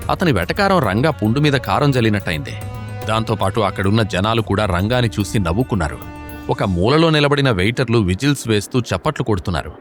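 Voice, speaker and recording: A man narrating an action audio series in a vivid, dramatic storytelling way. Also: on the low side.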